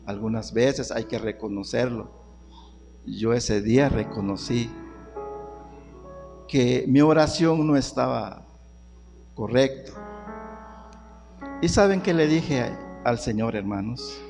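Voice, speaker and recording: A man's voice: mid-range voice, takes it slowly, gravelly, pauses often, a little mellow, big-room sound, faint music behind. A man preaching a sermon, calling on the congregation as brothers and repeating phrases for emphasis.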